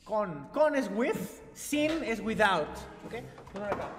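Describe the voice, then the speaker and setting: A woman teaching a lively group Spanish lesson, switching between Spanish and English and repeating her questions to the students. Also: mid-range voice, slow pace. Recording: echoey room with music behind.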